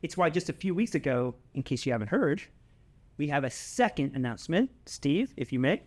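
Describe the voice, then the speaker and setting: As a company presenter, a man delivers a scripted product announcement, emphatic and prone to repeating key phrases. His voice is a little high with big pitch swings, and he speaks a little fast.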